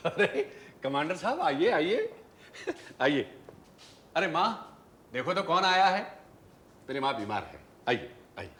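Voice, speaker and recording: A man's voice: fairly high pitch, sing-song, slow pace, pauses often, a bit bright, exaggerated voice. An actor playing a cheerful, money-minded man who sold his kidney, gushing in welcome and then blunt about money, in a TV serial. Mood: effusive. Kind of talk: TV serial acting.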